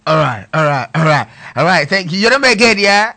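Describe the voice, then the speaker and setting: A man hosting a call-in radio show, loud and laughing, mixing pidgin into his English. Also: a little high, sing-song, fairly quick, gravelly, very noisy.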